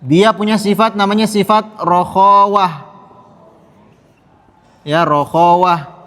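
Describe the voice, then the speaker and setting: A man's voice: high voice, unhurried. A male Quran teacher, patiently explaining tajwid rules to a class and repeating the sounds for them to echo. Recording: long reverb in a hall.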